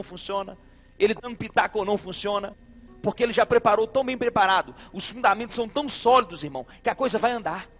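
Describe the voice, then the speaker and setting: A man with a Brazilian Portuguese accent preaches a sermon as pastor in a church service hall, speaking straight to the congregation and calling listeners brother. His voice is high and fairly bright, his delivery emphatic and full of repeated phrases, and a long reverb tail trails his words.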